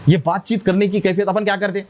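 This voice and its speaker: A man giving an animated religious talk to schoolchildren, asking them questions and acting out their prayers. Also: sits high, fast talker. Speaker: speaker at a school. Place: school classroom.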